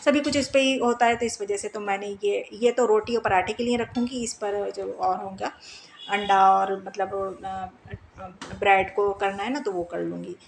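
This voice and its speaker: A woman's voice: medium pitch, steady tone, normal speed, gravelly, a little hiss or hum. A woman in her thirties chatting casually in a home vlog, talkative and laughing often. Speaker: home vlogger.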